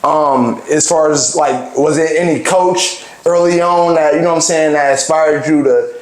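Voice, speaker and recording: A man's voice: a little high, fairly even intonation, moderate pace. Laid-back man hosting a podcast, echoey room. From Milwaukee, Wisconsin. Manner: laid-back, fills with "you know what I'm saying". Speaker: podcast host. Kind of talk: casual interview.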